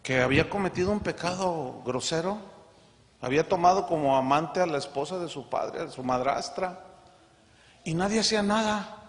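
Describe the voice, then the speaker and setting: Male pastor, high voice, preaching emphatically with rhetorical questions; reverberant conference hall. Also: lively intonation, normal speed. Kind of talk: sermon.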